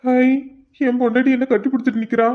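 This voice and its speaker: A man's voice: very high-pitched, flat delivery, fast talker, music in the background. A man voicing a teasing young husband and father in a cartoon, chatty and full of joking asides. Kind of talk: cartoon voice acting. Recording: dull lo-fi recording.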